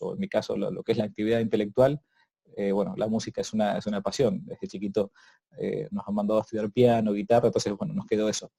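A man's voice: mid-range voice, gravelly, mellow, breathy edge. A man, a priest hosting a casual interview, talking in with many restarts and fillers. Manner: hesitant, many repeated words and fillers. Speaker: host, priest.

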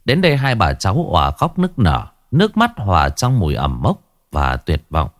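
A man's voice: low-pitched, wildly swooping pitch, normal speed, no echo, studio quality. A man narrating a horror story in a dramatic, ominous way.

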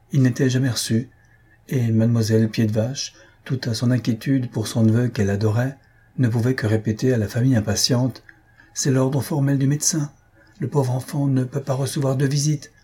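Husky dark-voiced male storyteller. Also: on the low side. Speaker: audiobook narrator. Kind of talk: scripted narration.

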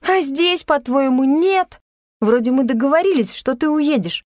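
A sharp-tongued young woman snaps back and dodges questions in a dry, close audiobook reading, as the narrator plays her. Her pitch sits higher than the narration and her lines come out defiant. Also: unhurried, no echo.

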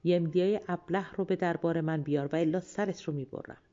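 Stern bossy king a woman reads him, mellow low voice, lo-fi-ish. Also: lightly acted. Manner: commanding, indignant. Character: stern threatening king, older man.

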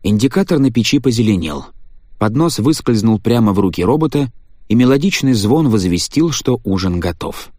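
A man narrating an audiobook story in a measured, even manner. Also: lowish voice, no echo, clean studio sound. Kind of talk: scripted narration.

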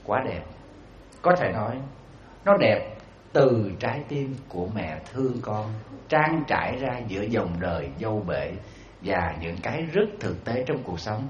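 A man's voice: fairly low pitch, a little slow, slight background noise. A man giving a storytelling dharma talk as a Buddhist monk, putting rhetorical questions to his audience. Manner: animated, acts out quoted voices. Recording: roomy, slightly dull hall recording.

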